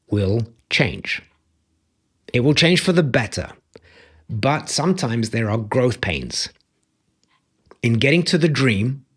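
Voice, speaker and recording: His voice is mid-range, a bit bright, with a breathy edge. This middle-aged empathy coach and author from the Democratic Republic of Congo delivers an earnest, emphatic motivational talk to camera on self-acceptance, repeating key phrases. He records indoors in a home office with bookshelves, close to a studio mic on a boom arm.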